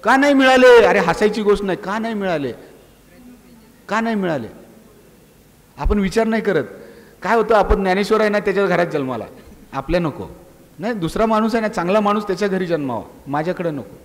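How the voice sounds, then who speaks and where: A middle-aged police inspector giving an animated speech to college students, firing rhetorical questions, scolding and urging them. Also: male voice, high voice, fairly quick, pauses often. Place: college auditorium. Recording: long hall reverb.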